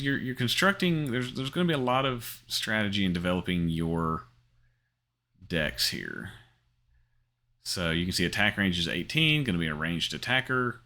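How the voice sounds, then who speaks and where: The host of a crypto gaming channel, a middle-aged man, comments casually on his screen share while rambling through ums, fillers and restarts. His voice is lowish, pushed and bright.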